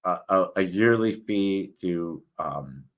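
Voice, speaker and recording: A very deep-voiced man, a host, reviewer and writer, gives a casual, rambling review and personal update, expressive as he shares his opinions. His speech is slightly thick because his mouth is swollen. He talks haltingly, with repeated words and frequent self-corrections.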